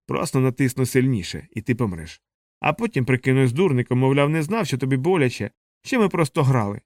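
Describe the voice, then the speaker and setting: A man's voice: mid-range voice, sing-song, brisk, a little mellow, no room sound, clean studio sound, lightly acted. A man voicing a cruel, bullying older boy who taunts and threatens his younger brother. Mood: menacing.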